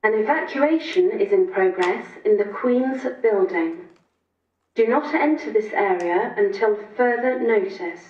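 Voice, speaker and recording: A woman's voice booms from a public address loudspeaker some way off, dull and muffled as it carries through an echoey courtroom. She speaks very slowly as incident control officer, giving a measured emergency notice in repeated official phrasing. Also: lively intonation, recorded from a distance. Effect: heard over a public address loudspeaker.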